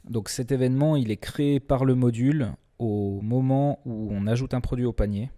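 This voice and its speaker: A man presenting a screen-recorded software tutorial in a relaxed, chatty way, often hesitating and restarting his sentences. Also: mid-range voice, moderate pace. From France. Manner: self-deprecating humor.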